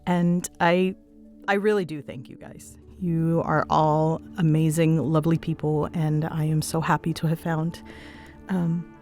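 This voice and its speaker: She sits low in pitch and talks a little slowly, faint music behind her, as a voice actress and host responding to audience questions. The talk wanders casually, bouncy and giggly, dramatic yet self-deprecating, delivered like an animated storyteller.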